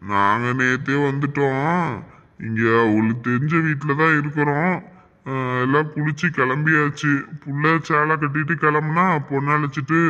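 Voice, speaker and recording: A middle-aged man with a bright, tense voice plays a father in a family drama. He sounds calm and resigned, recorded dull and lo-fi with a long hall reverb. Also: mid-range voice. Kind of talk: scripted village family drama.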